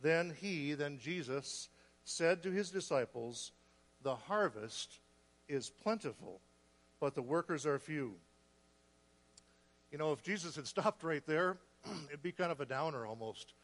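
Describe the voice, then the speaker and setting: Man, sermon, earnest, short of breath, slightly high voice, long hall reverb. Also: expressive, measured pace, long pauses, fairly bright tone. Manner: earnest, with frequent restarts and throat clearing. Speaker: guest preacher.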